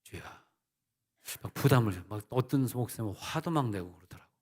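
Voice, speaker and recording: In a church sanctuary, a middle-aged male senior pastor delivers his sermon with emphatic rises and chatty asides. His voice is mid-range, expressive, slightly mellow, and a touch quick. Long hall reverb fills the recording.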